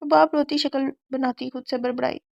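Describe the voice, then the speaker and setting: A woman's voice: sits high, fairly even intonation, gravelly, a little mellow, no echo, muffled recording. A woman narrating a romance novel for an audiobook, telling the story steadily.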